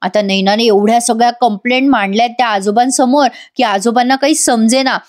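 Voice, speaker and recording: A woman narrating an episode recap as a voice-over, telling the story lively and addressing viewers directly. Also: a little high, brisk. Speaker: serial episode reviewer.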